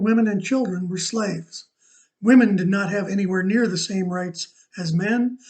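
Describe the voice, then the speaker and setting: A man reading a reflective essay aloud in a measured, earnest way. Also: high voice, a little mellow, far from the mic, low-quality recording. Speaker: commentator.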